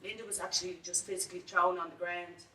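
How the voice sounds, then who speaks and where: A woman with a Dublin accent tells her story to a panel audience and builds into open indignation. Her voice is bright and carries, but it is heard from a distance in a large echoey hall. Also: fairly low pitch, level tone, fast. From Ireland. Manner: indignant, storytelling, rising to anger. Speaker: local campaigner on a panel. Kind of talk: impassioned panel talk.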